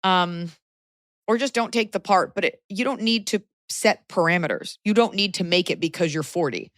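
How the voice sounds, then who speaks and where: Frank low-voiced woman in her forties. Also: normal speed, dry recording, studio quality. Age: 40s. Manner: frank, emphatic, animated. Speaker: podcast host giving advice. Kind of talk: casual advice chat.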